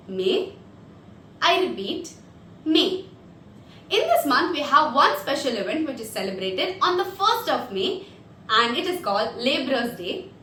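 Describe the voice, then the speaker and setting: A woman teaching a spoken lesson, saying each word slowly and then repeating it for learners. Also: high-pitched, pushed and bright, roomy sound, a little hiss or hum. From India. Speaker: English teacher.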